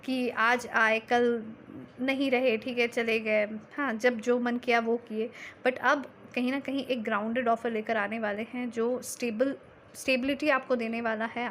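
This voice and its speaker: A woman's voice: on the high side, a little hiss or hum. A woman tarot reader speaking to her viewers in a reassuring way, mixing in English and often checking in with a tag question. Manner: reassuring, mixes Hindi and English, frequent "theek hai?". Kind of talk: tarot reading to camera.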